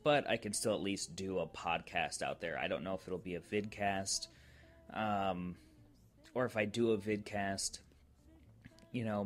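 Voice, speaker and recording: A man hosting his own podcast, giving a casual, rambling update with many ums and restarts. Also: sits low. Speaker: podcast host.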